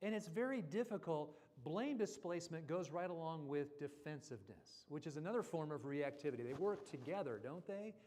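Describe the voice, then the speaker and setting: Man, fairly high pitch, church seminar speaker, conversational, animated, acts out voices. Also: a little fast, hardly any pauses. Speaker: guest speaker. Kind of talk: seminar talk. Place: church hall.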